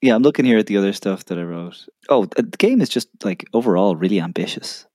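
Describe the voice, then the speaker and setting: A man's voice: on the low side, lively intonation, quick pace, darkish tone, no room sound, clean studio sound. A man co-hosting a podcast, talking in thoughtful, analytical casual chat. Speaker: podcast co-host.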